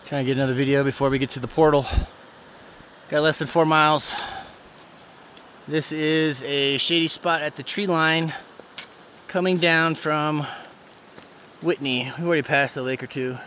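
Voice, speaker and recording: A man's voice: a little high, fairly even intonation, normal speed, long pauses, fairly bright tone. Man, hiker vlogger, casual trail chat into a phone, outdoor noise audible. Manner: chatty, talking while hiking downhill. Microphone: handheld phone. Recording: clear outdoor background noise.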